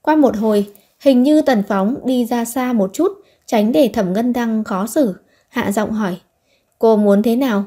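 A woman narrating an audiobook story in a steady, measured way. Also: fairly high pitch, husky.

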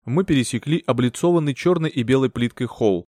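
A man narrating a first-person mystery audiobook in a measured, wry storytelling manner. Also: medium pitch, darkish tone, dry recording, clean studio sound. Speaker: audiobook reader.

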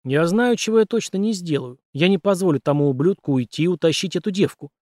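A man playing a gruff, determined street cop. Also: a little high, expressive, fast, darkish tone, dry recording, clean studio sound, pitched above the performer's own voice, lightly acted. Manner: gruff, commanding, blunt.

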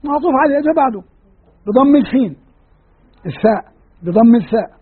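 A high-voiced man lectures on scripture, repeating key phrases as he explains. His voice is husky and a little raspy. The recording is thin and tinny, like an old phone-quality tape. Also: animated, quick pace. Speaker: Quran scholar lecturing. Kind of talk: religious lecture.

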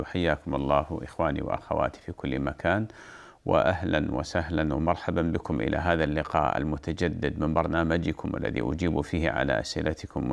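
Gravelly low-voiced man hosting a call-in. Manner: formal opening prayer, then short brisk replies to callers. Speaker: radio show host answering callers' religious questions. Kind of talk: phone-in religious advice show.

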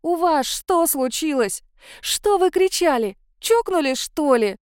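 A theatrical elderly grandmother, put on by a woman reading a storybook aloud, hurls slow, loud accusations. Her voice sits a little high. The recording is close and dry. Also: lively intonation, no echo. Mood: bewildered.

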